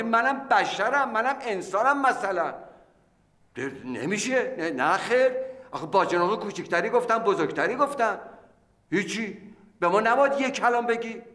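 An actor playing a flustered, blustering middle-aged office clerk who scolds in a sitcom. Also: male voice, high-pitched, sharp tone. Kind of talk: sitcom acting. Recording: echoey room.

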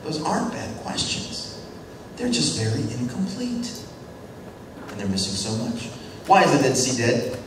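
A man giving a lecture on church mission. He questions the class and takes their short answers, and he acts out characters in quick voices as he tells stories. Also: mid-range voice, sing-song. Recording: very echoey room, distant mic, faint noise.

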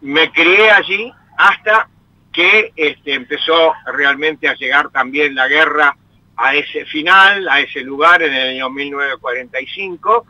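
A very bright, forceful voice from a man, talking through a hands-free phone in his parked car. He is an animated storyteller who stretches out the words he wants to stress. The call sounds dull and lo-fi, with a dry, close sound. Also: on the high side, a little slow, no room sound. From Italy. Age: 80s. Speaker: interview guest. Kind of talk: telling his life story in a radio interview.

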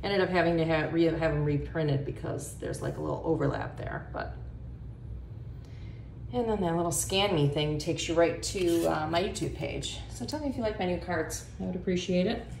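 This is a Florida realtor's casual walkthrough of an empty indoor condo, shot on a handheld phone as she moves between rooms. Upbeat and full of fillers, she speaks at a moderate pace in a lowish, sing-song, gravelly voice with a darkish tone, and the empty rooms echo with background noise.

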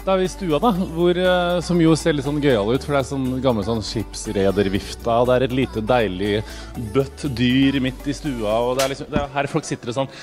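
A man's voice: mid-range voice, music in the background. A young man hosting an entertainment show, giving a playful, mocking tour of a villa with theatrical asides while walking around and talking into a handheld mic. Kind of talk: comic house tour and studio chat.

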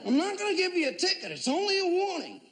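A comedian voicing a polite male traffic officer who calmly reassures a driver. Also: extremely high pitch, fast, some chatter behind, pitched above the performer's own voice, full character voice. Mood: soothing. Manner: soothing, reassuring.

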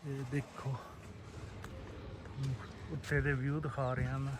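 A man with a Puadhi Punjabi accent gives relaxed, reminiscing narration as he walks and films outdoors in a village on a handheld phone. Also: medium pitch, slow pace, background noise. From Punjab, India. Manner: reminiscing, relaxed, loosely strung phrases. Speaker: vlogger. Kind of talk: casual walking vlog narration. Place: outdoors in a village, on rooftops and lanes.

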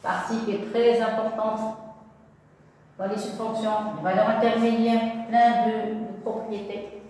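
A woman's voice: fairly high pitch, a little hiss or hum. A woman teaching a maths class at a board, explaining step by step, repeating key words and checking often that students follow. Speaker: math teacher. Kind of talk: classroom lesson at a whiteboard. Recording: echoey room, voice from far off.

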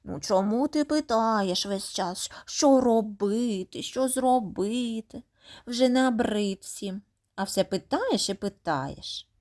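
A woman's voice: on the high side, slow pace, a little mellow. A woman voicing a spiteful, teasing little male word-creature in an audio fairy tale, taunting and sneering. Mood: nagging.

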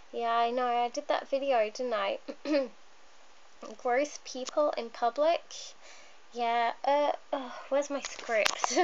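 A woman's voice: fairly high pitch, a little hiss or hum. A woman vlogging into her phone camera, rambling and giggling self-consciously as she keeps getting sidetracked. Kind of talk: rambling casual vlog. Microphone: phone camera filming close up. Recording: dull lo-fi phone recording.

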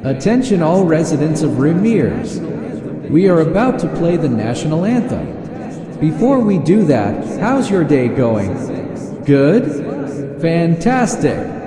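A man making a public warning announcement through an outdoor siren loudspeaker, slow and deliberate. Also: a little high, sing-song. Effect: outdoor siren loudspeaker broadcast. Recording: echoing outdoor loudspeaker with noisy background.

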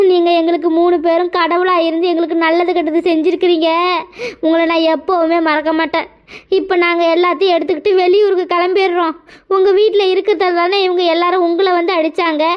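A woman's voice: extremely high pitch, lo-fi sound. Woman voicing a tearful young husband. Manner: pleading, emotional. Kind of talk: cartoon voice acting.

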